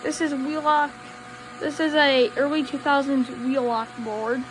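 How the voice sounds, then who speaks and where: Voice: sits high, flat delivery, measured pace, background noise. A host giving a casual demonstration of equipment in a homemade video.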